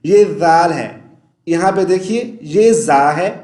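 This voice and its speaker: High-pitched guy, pakistani urdu accent, teaching quran reciting, explains then chants slow, echoey room. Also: animated, a little mellow. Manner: explains mistakes plainly, then chants verses slowly and drawn out. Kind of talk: recitation lesson.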